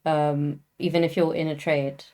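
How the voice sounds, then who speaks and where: A woman's voice: deep voice, little pitch movement, moderate pace, warm tone. A woman coaching a trader over a video call, direct and encouraging, laughing easily. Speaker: trading psychology coach.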